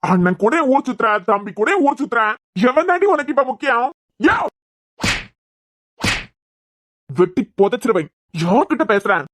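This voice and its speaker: A woman voicing an angry, threatening middle-aged father in a cartoon series, with a Kanyakumari Tamil accent and a shouting, scornful way of talking. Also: a little high, big pitch swings, a little fast, no echo. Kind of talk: cartoon web series voice acting.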